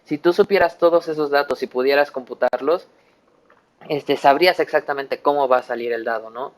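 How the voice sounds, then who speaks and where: A man's voice: mid-range voice, a little fast. A man with a Mexican accent explaining ideas informally as a panel speaker in a discussion, thinking aloud with halts and repeated words.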